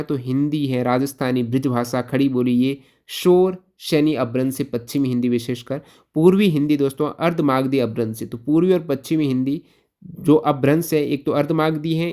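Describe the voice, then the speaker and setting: Working through exam prep one question at a time, a man with a mid-range voice teaches by asking questions and restating the important answers.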